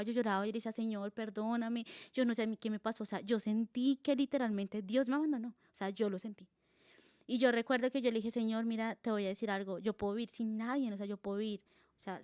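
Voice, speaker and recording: A young Colombian woman with a somewhat high, smooth and clear voice recounts her faith testimony as a guest. She tells it in a casual, animated way, acting out her own past words. The sound is dry and close. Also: no echo. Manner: animated storytelling, acting out her own dialogue, many fillers.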